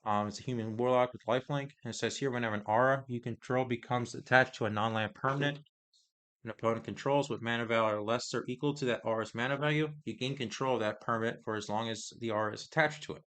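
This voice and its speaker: Reviewing a batch of new trading cards at an easygoing pace, a man with a medium-pitched, bright and ringing voice reads out the card text, then shares his view. His delivery stops and starts, and hoarseness is creeping into his voice.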